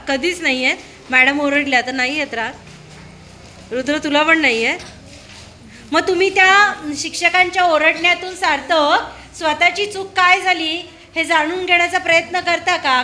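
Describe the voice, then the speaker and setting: A woman's voice: high-pitched, sharp tone, slight background noise. A woman questioning a class of schoolchildren in a school room, prodding them with repeated, coaxing questions.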